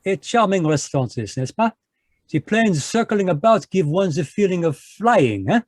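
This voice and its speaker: In an old-time radio play, a man puts on a French accent to voice a smug, fussy, middle-aged Belgian detective who is pompous yet polite. His voice is high-pitched and very animated, with a darkish tone and a moderate pace. The sound is clean and studio-like with no echo, though it was picked up on a video call microphone.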